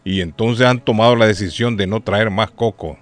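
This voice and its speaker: A man hosts a talk radio show in a relaxed, chatty way. He teases his guests and keeps coming back to the same point. His voice sits on the low side. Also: moderate pace, soft background music. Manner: chatty, teasing, repeats points. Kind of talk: casual radio chat.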